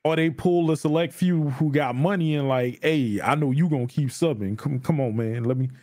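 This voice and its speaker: A man's voice: fairly high pitch, moderate pace, no echo, studio quality. A man in casual podcast chat, talking animatedly and acting out quotes with laughs. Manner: animated, acts out quoted voices, laughs often. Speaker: podcast guest, streamer.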